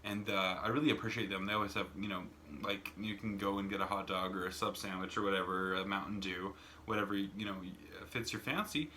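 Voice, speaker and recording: Rambling American man with a bright, tight voice. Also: deep voice, steady tone, fairly quick, slight background noise. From United States. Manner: rambling, repeats words, says "and whatnot" often. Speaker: YouTuber and smoking vlogger. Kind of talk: casual rambling monologue. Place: home smoking room with door open and fan on.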